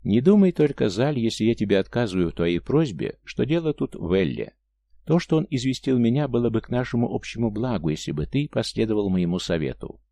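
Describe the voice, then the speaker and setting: A man's voice: mid-range voice, sing-song, brisk, dark tone, no echo. Man voicing a sorrowful Martian woman. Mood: earnest pleading. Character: tender proud Martian woman, firm and sorrowful.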